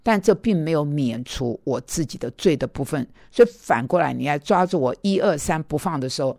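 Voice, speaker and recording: A man's voice: fairly high pitch, lively intonation, brisk, vocal fry, a little mellow, dry recording, studio quality. A man preaching in an earnest, self-critical way, telling personal stories and talking straight to his listeners.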